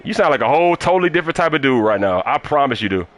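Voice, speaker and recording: A man's voice: medium pitch, big pitch swings, rapid-fire. A man streaming a football video game live, heatedly mocking his opponent and repeating his taunts over and over. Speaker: gaming streamer.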